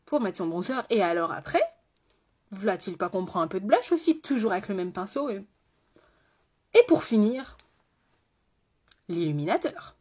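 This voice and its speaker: A woman's voice: medium pitch, big pitch swings, moderate pace, long pauses, darkish tone, husky. A woman makeup artist chatting through a live makeup tutorial, talking straight to her viewers with rambling asides.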